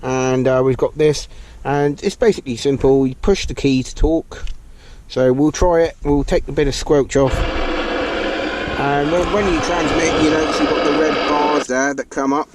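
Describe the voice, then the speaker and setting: Inside a car, a male vlogger gives viewers a casual hands-on demonstration of a CB radio, hesitant, rambling and informal. His voice sits on the high side, with a steady tone and moderate pace. Loud radio hiss and static fill the noisy car interior.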